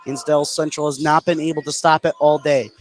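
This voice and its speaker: Soft background music and clear ambient noise sit behind a man calling basketball live on the radio. His voice is a little high, with little pitch movement, and he speaks fairly quickly, narrating in running, conversational fragments.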